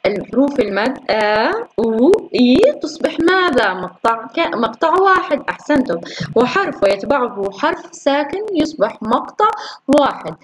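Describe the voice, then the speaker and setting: A woman teacher with a fairly high voice takes young pupils through a workbook lesson. She often asks the class questions and praises the answers. She stretches each syllable slowly when sounding out words. A faint hiss runs under her voice. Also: lively intonation, poor audio.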